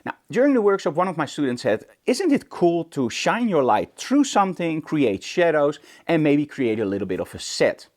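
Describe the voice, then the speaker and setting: Speaking to camera, a photography instructor and show host from the Netherlands, Dutch by first language, gives casual tutorial talk. His darkish voice sits on the high side with a sing-song lilt, at a moderate pace with hardly any pauses, emphatic and full of rhetorical questions.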